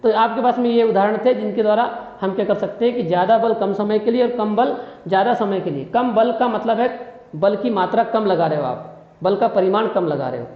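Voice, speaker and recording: The speaker is a male physics teacher whose voice sits high and moves fairly quickly. He questions his class nonstop and repeats key phrases throughout the lecture, and the dull room audio carries a long, echoey reverb.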